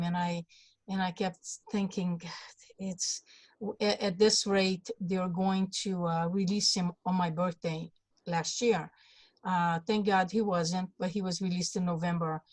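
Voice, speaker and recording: A woman in her sixties, born in Hungary, telling her life story as an interview guest with many pauses and fillers. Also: on the low side, no echo. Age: 60s. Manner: halting, many fillers and restarts. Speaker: guest, congressional candidate.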